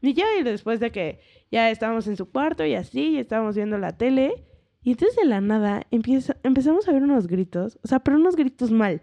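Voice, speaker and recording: Young Mexican woman, casual podcast co-host, mellow lowish tone, lively storyteller who acts out the voices of people in her anecdotes. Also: fairly quick, lo-fi sound.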